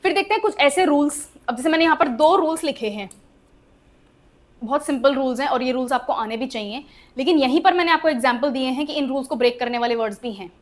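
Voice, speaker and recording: A woman's voice: high voice, fast. A woman, teaching spelling rules in a chatty classroom lesson and often checking whether the class follows. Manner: lively, chatty, asks the class questions and laughs at the oddities. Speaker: English teacher.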